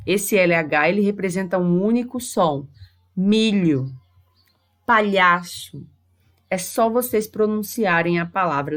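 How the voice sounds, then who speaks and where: A woman teacher with a Brazilian Portuguese accent giving a recorded lesson to sixth graders, spelling out sounds slowly and carefully. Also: lowish voice.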